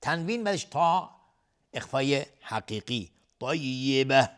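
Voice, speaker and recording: A man of middle pitch gives a recitation lesson. He chants each verse in slow, drawn-out melodic lines. Between verses he explains the pronunciation rules in brisk, matter-of-fact talk. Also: expressive, clear, resonant tone. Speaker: Quran recitation teacher.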